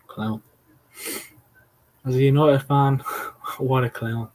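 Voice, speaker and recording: A man's voice: medium pitch, level tone, measured pace, a little mellow, poor audio. A man hosting a fan watchalong, giving casual live match commentary, calling passes play by play with blunt, mocking remarks.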